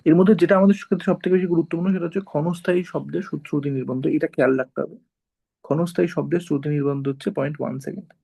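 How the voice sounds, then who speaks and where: A man teaching an informal class, walking students through each point and pausing to check they follow. His voice is gravelly with a fry, and it sits a little above the usual male pitch. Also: fairly even intonation, mellow, low-quality recording. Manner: explains step by step, often checks with "ঠিক আছে?".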